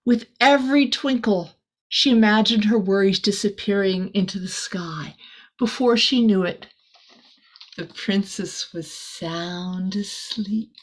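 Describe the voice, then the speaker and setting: A woman reads a children's picture book aloud expressively, slipping in small chatty asides for a young listener. Her voice is medium-pitched and slow, and the recording is rough.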